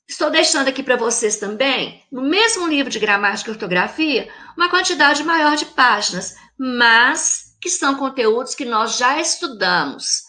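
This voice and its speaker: A Brazilian woman teaching a video lesson to children, slowly sounding out words syllable by syllable in an affectionate teacherly tone. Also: high voice, bright, forceful tone. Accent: Brazilian Portuguese. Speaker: primary school teacher.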